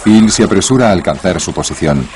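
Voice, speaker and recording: A man's voice: sits low, lively intonation, brisk, a little mellow, slight background noise. A man reading scripted narration for a nature documentary. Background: music bed.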